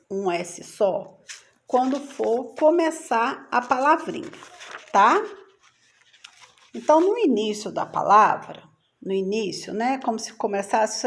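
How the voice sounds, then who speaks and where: A Brazilian woman teaching young children a spelling rule in a patient, sing-song teacher voice. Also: a little high. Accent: Brazilian Portuguese.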